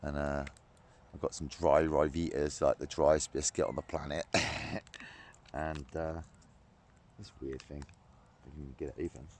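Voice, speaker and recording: A man's voice: extremely low pitch, flat delivery, measured pace, darkish tone, a little hiss or hum. A young man vlogging to a camera on a tripod while fishing outdoors by a lake. He chats casually, swears and laughs often.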